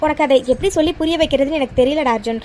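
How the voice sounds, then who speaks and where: Woman doing a bold, fast-talking young woman doctor. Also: high-pitched, darkish tone, slight background noise, lightly acted. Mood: assured. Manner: bold, assured, chatty. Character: confident young woman doctor set on marriage. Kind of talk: animated cartoon story dialogue.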